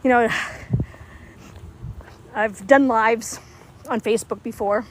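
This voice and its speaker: A woman's voice: fairly high pitch, fairly even intonation, slow pace, background noise. Chatty winded woman walking outside. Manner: rambling, chatty, laughs easily. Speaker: livestream host. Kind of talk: casual livestream chat. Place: outdoors, walking.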